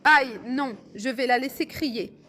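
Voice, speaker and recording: A woman's voice: high-pitched, measured pace, pushed and bright. Chatty woman vlogging from a motorbike. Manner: chatty, exclamatory, addresses viewers as friends. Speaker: motovlogger. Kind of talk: casual riding commentary. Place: riding a motorcycle outdoors in city traffic in rain.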